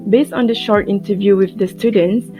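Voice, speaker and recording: A woman's voice: mid-range voice, fairly even intonation, normal speed, mellow. A woman student presenting a class project, reading her script as narration. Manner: reads a prepared academic script. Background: guitar music.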